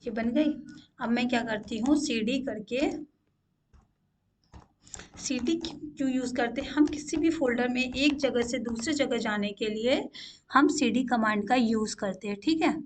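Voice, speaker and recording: Young woman instructor, high voice, patient step-by-step screen-share teaching with frequent check-ins, faint noise. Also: moderate pace. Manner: repeats "ठीक है" to check in, asks questions aloud. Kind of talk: screen-share coding tutorial.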